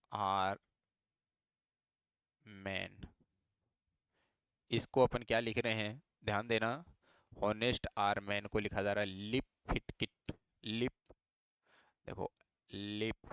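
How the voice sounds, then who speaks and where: Slow, patient male teacher. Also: lowish voice, fairly bright tone, clean tone, dry recording, clean studio sound. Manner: patient, repeats questions to students. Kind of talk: reasoning exam lesson.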